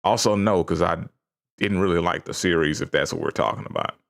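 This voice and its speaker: Deep, creaky, tired-sounding male streamer. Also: sing-song. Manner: halting, self-deprecating, tired. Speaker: live streamer. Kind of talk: casual livestream chat.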